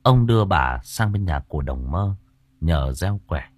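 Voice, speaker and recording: A man narrating an audiobook story in an expressive storytelling manner. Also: low voice, unhurried, no echo. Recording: narration with faint music.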